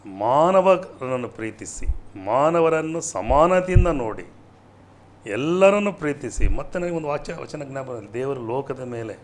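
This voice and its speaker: A pastor with a Kannada accent teaching Bible passages on a TV show. His middle-pitched voice swells louder and higher whenever he recites scripture, then settles back into a plain explaining tone. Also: lively intonation, unhurried. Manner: fervent, rises in pitch and volume when quoting scripture. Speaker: pastor answering viewer questions.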